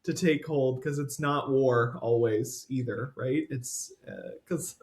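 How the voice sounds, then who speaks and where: A man talking as a podcast guest in casual conversation, chatty and rambling, quick to laugh. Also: mid-range voice, a little mellow. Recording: roomy echo.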